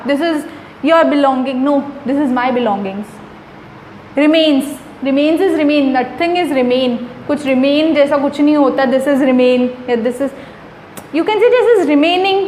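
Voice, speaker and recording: High-pitched lady teacher explaining grammar, chatty and emphatic, kinda roomy echo. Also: a little mellow, slight background noise. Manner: chatty and emphatic, mixing English phrases into explanations. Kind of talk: casual explanatory lesson.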